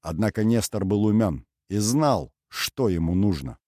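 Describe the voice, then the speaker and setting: Low, dark-voiced male audiobook narrator. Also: animated, no echo, clean studio sound. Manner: measured, dramatic reading. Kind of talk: scripted narration.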